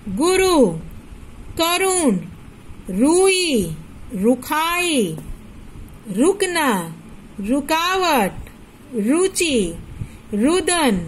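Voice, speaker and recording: A woman teaching a class of small children in a high, bright voice. She speaks very slowly and deliberately, reading out word lists one by one. A faint hum of room ambience sits behind her. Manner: slow, patient teaching with drilled word lists; asks pupils questions, then answers them herself. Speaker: primary school teacher. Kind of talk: recorded online Hindi class for first-graders.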